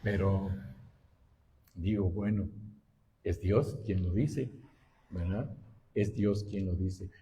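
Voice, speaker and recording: Un hombre que es pastor y predica un sermón en una iglesia, con un ritmo pausado y preguntando a menudo "¿verdad?". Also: male voice, low voice, warm tone, a little hiss or hum. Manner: slow and deliberate, often adding "¿verdad?". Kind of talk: sermon. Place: church.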